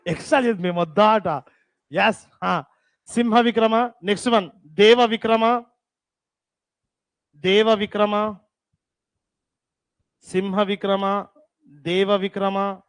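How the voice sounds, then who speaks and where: A high-voiced male teacher dictates notes to his class in a slow, deliberate way. He repeats each term several times and scolds the students with a teasing edge. The recording is dry and close. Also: steady tone, no room sound.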